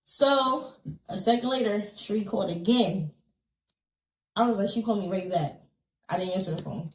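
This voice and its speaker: In a rough, reverberant recording, a woman speaks at a moderate pace in a mid-range voice. As a podcast guest she recounts a personal experience earnestly and vividly, quoting dialogue and scattering plenty of fillers.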